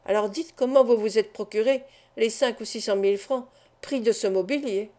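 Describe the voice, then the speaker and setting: A woman's voice: on the high side, normal speed, warm tone, close to an everyday voice. A woman voicing a stern male investigating judge in an audiobook, questioning coldly and severely.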